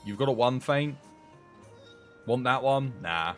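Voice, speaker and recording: A man's voice: medium pitch, lively intonation, slow pace, a bit bright, faint music behind. A young man on a headset mic, chatting casually to his livestream viewers while commenting on his game. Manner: chatty, rambling, swears mildly, talks to chat. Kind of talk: casual gameplay commentary and chat.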